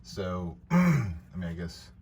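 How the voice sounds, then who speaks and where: A man vlogging his truck work outdoors, rambling casually with lots of fillers and throat clearing. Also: low-pitched, very animated, slow pace, noisy background. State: out of breath. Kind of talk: casual DIY vlog.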